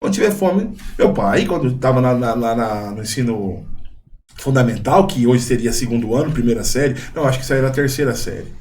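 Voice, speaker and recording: Brief: young brazilian man, quick animated storyteller, slight hiss behind. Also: medium pitch. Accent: Brazilian Portuguese. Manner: animated storyteller, acts out quoted voices. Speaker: missionary guest. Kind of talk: casual chat.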